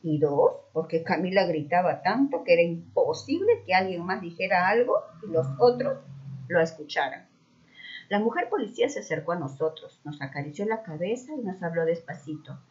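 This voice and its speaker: A woman narrating a children's mystery story aloud, expressive and acting out the dialogue. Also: lowish voice, normal speed. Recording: dull muffled recording.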